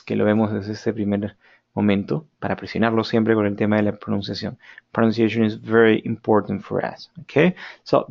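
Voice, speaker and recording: A male English teacher explaining grammar and pronunciation in a recorded lesson, switching between Spanish and English, slowing down to model words and often checking in with "ok?". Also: fairly low pitch, gravelly. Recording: dull lo-fi recording.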